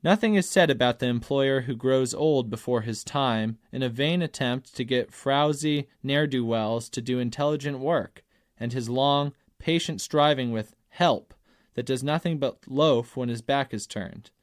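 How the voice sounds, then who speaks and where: Brief: male audiobook narrator, average pitch, measured and emphatic, dry booth sound. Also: dry recording. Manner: measured, emphatic, slows on key phrases. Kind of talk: scripted narration of an essay.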